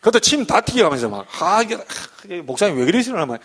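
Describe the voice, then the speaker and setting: Man, pastor giving a midweek sermon in church, slightly high voice with lively swings in pitch, chatty and acts out small scenes. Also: quick pace, breathy edge. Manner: lively, conversational preaching, acting out little scenes.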